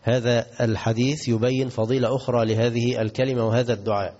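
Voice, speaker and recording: A man's voice: medium pitch, level tone, quick pace, a little mellow. A man with an Egyptian accent giving a religious lesson, asking his listeners questions and answering them himself. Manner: asks the audience questions and answers himself, mixes classical and colloquial. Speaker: sheikh teaching hadith. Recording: dull recording in a reverberant hall.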